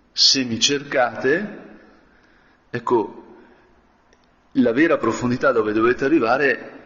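A man of middle pitch preaching a relaxed, chatty meditation as a priest, clearing his throat now and then. His voice rings with a long hall reverb, and the recording sounds a little dull and lo-fi. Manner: conversational, often clears his throat and adds a questioning tag. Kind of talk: spoken meditation sermon.

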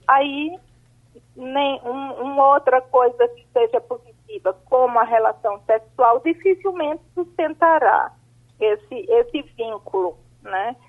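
Female psychologist guest, phoned in on a breaking-up cell line, measured explainer. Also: fairly high pitch. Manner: measured, explanatory, frequent tag questions. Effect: breaking-up mobile phone line. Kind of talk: radio phone-in interview answer. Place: outdoors in a country town, seeking signal. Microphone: mobile phone.

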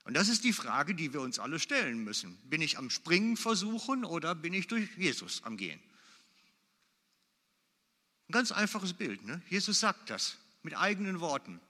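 A man's voice: on the high side, sing-song, moderate pace, sharp tone. A man preaching a sermon in German, emphatic and repeating his key phrases for weight. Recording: long hall reverb.

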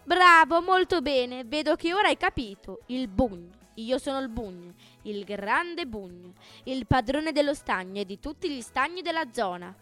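A woman's voice: animated, moderate pace, pushed and bright, soft background music. A woman voicing a boastful, vain lord of a pond who hides under the water, in a storybook reading. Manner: pompous, grandiose, booming then sighing.

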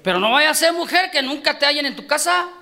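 Emphatic bright-voiced preacher man. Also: very high voice, lively intonation, quick pace. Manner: emphatic, calls out questions to the congregation. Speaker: guest preacher. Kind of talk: sermon.

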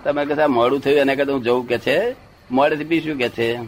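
A man's voice: medium pitch, fairly even intonation, fast talker, a little hiss or hum. An older man telling a rambling anecdote in casual chat, often checking that his listener follows. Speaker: storyteller.

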